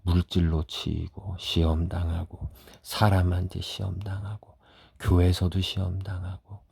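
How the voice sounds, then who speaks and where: A middle-aged man preaching a sermon as a pastor, telling stories, acting out quoted voices and dropping at times to soft whispers. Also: sits low, gravelly, breathy edge, no echo, clean studio sound.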